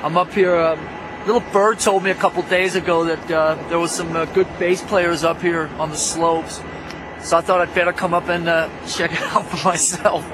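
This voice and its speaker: A man's voice: a little high, flat delivery, normal speed. Joking man filming on a ski slope. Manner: loose, joking, lots of filler. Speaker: vlog host. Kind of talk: casual on-camera chat. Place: outdoors on a snowy ski slope. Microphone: handheld camera held close. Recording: outdoor wind and ambient noise.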